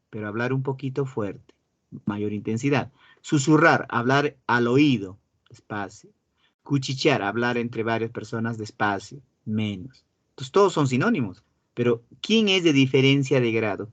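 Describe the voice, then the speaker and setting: A man with a Peruvian Spanish accent teaching a classroom lesson. He repeats key words slowly and quizzes his students. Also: medium pitch, a bit bright, dry recording. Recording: dull, dry sound.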